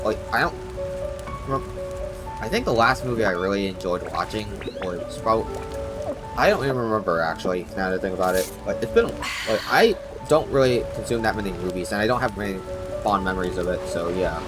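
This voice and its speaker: A young adult man streams a game, chatting in a casual, slangy way and rambling from one thought to the next with jokey self-deprecation. His voice is on the low side, animated and a little fast. Game music and dialogue play behind him.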